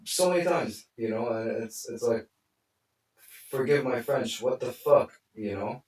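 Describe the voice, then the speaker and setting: Speaking unhurriedly in a mid-range, darkish, expressive voice, a consultant from Lebanon rambles through a casual conversation, full of fillers and restarts. The recording comes from an echoey room with a distant mic and slight background noise.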